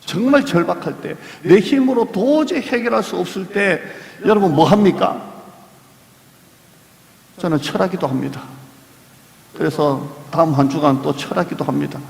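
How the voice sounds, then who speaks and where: Emphatic Korean pastor preaching in an echoey church. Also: male voice, high voice, moderate pace, vocal fry, pauses often, a little mellow. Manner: emphatic, repeats key phrases, asks the congregation questions. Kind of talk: sermon. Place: church sanctuary. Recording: echoey church hall with long reverb.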